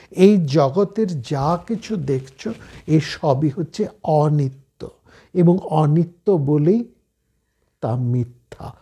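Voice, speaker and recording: A man with a Bengali accent giving a slow, measured scripture discourse, explaining each point step by step. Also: on the high side, mellow, husky. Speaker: spiritual speaker.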